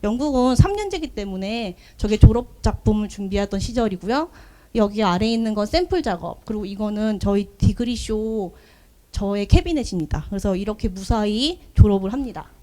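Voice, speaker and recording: Earnest soft-spoken woman presenting. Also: mid-range voice, animated, a little fast. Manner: earnest, soft-spoken, personal storytelling with frequent fillers. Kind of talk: business showcase presentation. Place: event hall.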